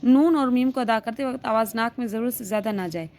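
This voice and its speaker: A woman with a fairly high, fast, darkish voice teaches a reading lesson step by step. She patiently sounds out letters, stretches the vowels, and keeps checking in with "theek hai" as she goes.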